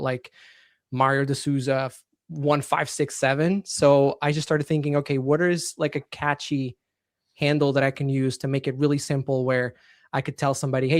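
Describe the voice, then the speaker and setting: A man from Portugal with Portuguese as his first language, a podcast guest explaining his story in a relaxed, steady way. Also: mid-range voice, no room sound, clean studio sound. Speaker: guest entrepreneur. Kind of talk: casual interview chat.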